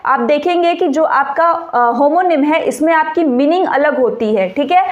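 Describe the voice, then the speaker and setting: Female exam-prep tutor, high voice, drills points by asking and answering her own questions. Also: moderate pace, lo-fi sound. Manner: repeats key points as quiz questions to the viewer; mixes English terms into Hindi explanations. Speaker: teacher. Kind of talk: exam-prep grammar lesson.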